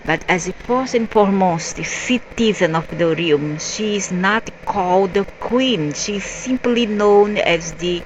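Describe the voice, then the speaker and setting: A woman reading a story aloud in a halting way, spelling out word endings letter by letter. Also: mid-range voice, muffled recording, noisy background. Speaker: narrator.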